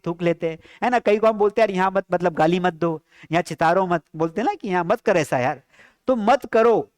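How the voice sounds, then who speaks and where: A man teaching spoken English in a live-streamed lesson. He drills sentences, keeps asking the students questions, and slows down to spell out the English phrases. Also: sits high, clear, resonant tone, no echo, clean studio sound.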